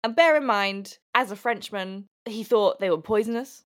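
A woman's voice: medium pitch, normal speed. Giggly woman explaining facts casually. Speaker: podcast co-host presenting research. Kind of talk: casual podcast chat.

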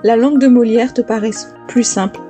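A woman teacher reading a polished, scripted introduction to her podcast in a clear voice. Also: a little high, fairly even intonation, normal speed. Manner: clear, polished delivery over an intro jingle. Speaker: French teacher and podcast host. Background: music bed.

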